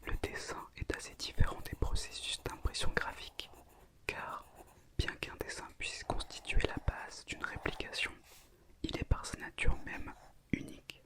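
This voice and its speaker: Woman's intimate ASMR whisper. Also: normal speed. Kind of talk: whispered ASMR reading of an educational art history script.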